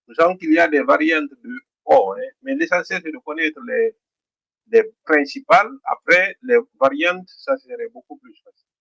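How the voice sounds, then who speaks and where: A middle-aged man with a Guinean French accent teaching a literacy lesson, slowly sounding out syllables and often checking in with the class. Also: a little high, gravelly, a bit bright, highs cut off. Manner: slow, deliberate, repeats each sound; checks in with "d'accord?".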